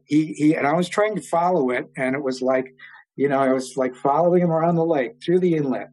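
An older man, an interview guest, telling long stories in a rambling way with many pauses and fillers. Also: a little high, poor audio. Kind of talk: oral history storytelling.

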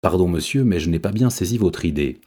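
A timid, put-upon cat assistant with a low, husky voice who protests meekly and drags out his words, as a man reading a storybook puts him on. The tone is dark and soft. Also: lively intonation, brisk.

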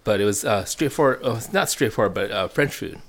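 A man chatting casually as an interview guest, telling stories haltingly with repeated words and restarts. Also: lowish voice, expressive, a bit bright. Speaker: food enthusiast interview guest. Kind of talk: casual storytelling chat. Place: home basement.

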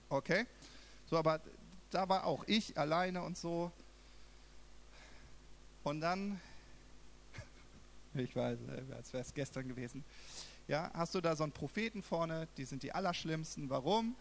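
Animated German-speaking pastor man preaching. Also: fairly high pitch, slight background noise. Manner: animated storytelling, acting out quotes with big swings in loudness. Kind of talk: sermon.

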